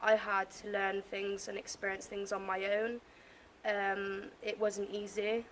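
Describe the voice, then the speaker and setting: A woman's voice: mid-range voice, completely flat delivery, a little slow, heavy background noise. A woman of twenty, a care leaver, talking earnestly to camera about her life. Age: 20s. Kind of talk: interview to camera.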